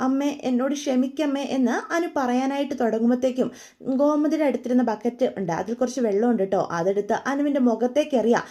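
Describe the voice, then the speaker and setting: A woman's voice: a little high, quick pace, mellow. A woman casually retelling a TV serial's plot in a chatty way, with frequent tag fillers.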